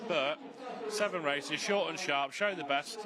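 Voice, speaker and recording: A man's voice: a little high, unhurried, a loud crowd. A man working as a greyhound racing pundit, giving chatty, enthusiastic live analysis and repeating phrases for emphasis.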